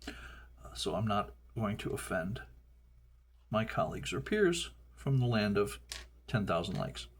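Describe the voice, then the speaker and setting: Middle-aged guy from chicago, slow husky voice, rambling chat while building, stumbles on words. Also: lowish voice, very animated. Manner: rambling, stumbles over words, folksy asides. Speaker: host. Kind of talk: casual build commentary.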